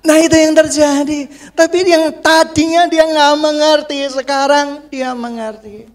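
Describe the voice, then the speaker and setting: A male pastor preaching a lively, humorous sermon, acting out the voices of people in his stories. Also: very high voice, a little slow. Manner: humorous, acts out congregants' voices.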